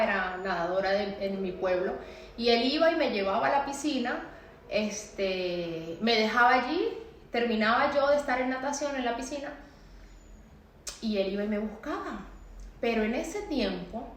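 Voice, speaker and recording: A woman giving an emotional personal testimony, repeating phrases and pleading in a low, shaken voice. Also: moderate pace, slight background noise. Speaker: survivor telling her story. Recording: echoey room.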